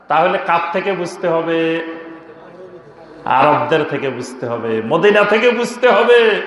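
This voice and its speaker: Man, preacher, high voice, rhetorical questions, long hall reverb. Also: a bit bright. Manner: rhetorical questions to the crowd, chanted phrases. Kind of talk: Bengali waz sermon.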